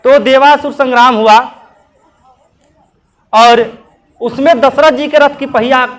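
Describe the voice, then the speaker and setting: Male religious storyteller, high voice, lively, humorous. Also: slow. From Bihar. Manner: lively, humorous, talks to the audience. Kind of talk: devotional storytelling sermon.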